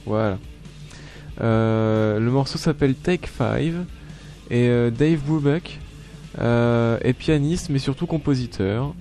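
A man hosts a relaxed radio show, talking in a mellow, darker tone and pausing often to hunt for his words. Faint music plays behind his voice. His pitch sits in an ordinary middle range. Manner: hesitant, many filler sounds and restarts. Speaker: web radio host. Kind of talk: casual live radio chat between songs.

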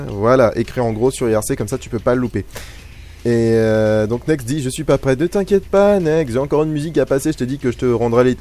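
A man's voice: fairly low pitch, warm tone. A man hosting a casual live web radio show, rambling and self-mocking with lots of hesitations, talking over a music bed. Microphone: studio microphone. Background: faint music bed.

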